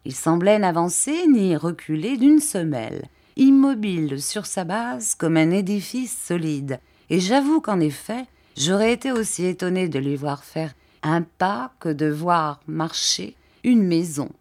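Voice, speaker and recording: Audiobook reader: woman, slow and measured literary narration, voice on the low side. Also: sing-song, darkish tone. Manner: measured, careful storytelling.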